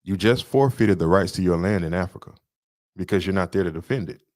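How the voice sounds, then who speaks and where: A man's voice: low voice, fairly quick, a little mellow, no room sound, clean studio sound. A man co-hosting a podcast, lecturing in an emphatic way and repeating his points. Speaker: podcast co-host. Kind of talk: casual political talk.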